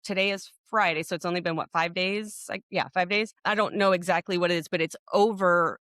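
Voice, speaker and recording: A woman's voice: on the low side, fairly even intonation, a little fast, fairly bright tone, no echo, studio quality. A woman, co-hosting a podcast, telling a story in a rambling way full of restarts and fillers. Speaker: podcast co-host. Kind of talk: casual podcast chat.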